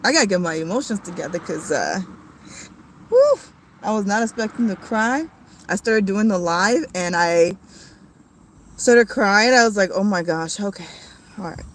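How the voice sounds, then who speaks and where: A woman in her thirties on a livestream, tearful and halting, with many fillers and restarts. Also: mid-range voice, a little hiss or hum. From came to the US as a child. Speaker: family channel host. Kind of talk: emotional livestream talk.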